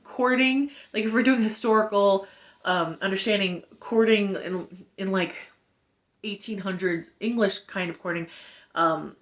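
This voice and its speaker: Young woman book reviewer, mid-pitched, animated, rambling retelling. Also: measured pace. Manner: chatty, animated retelling with many fillers. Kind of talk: casual book review chat.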